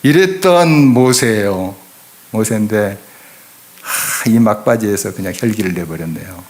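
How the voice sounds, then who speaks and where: A middle-aged man preaching in a church, speaking emphatically and often turning to his listeners with questions. His voice sits on the low side, and he delivers the sermon with steady conviction. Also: unhurried. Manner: emphatic, rhetorical questions to the congregation. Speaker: pastor. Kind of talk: expository sermon. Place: church sanctuary.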